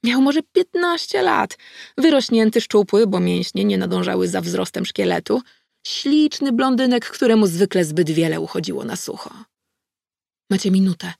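A woman reading a first-person audiobook in a measured, wry storytelling manner on a close mic. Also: medium pitch, animated, vocal fry, a little mellow, no room sound. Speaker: audiobook narrator.

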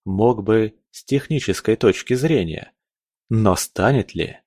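Low-voiced male audiobook narrator. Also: slow pace, a little mellow, no echo, clean studio sound. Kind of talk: scripted narration.

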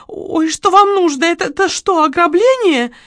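A woman voicing a terrified young saleswoman who stammers and squeaks in panic, in a dry audiobook reading. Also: lively intonation, normal speed, fairly bright tone, dry recording.

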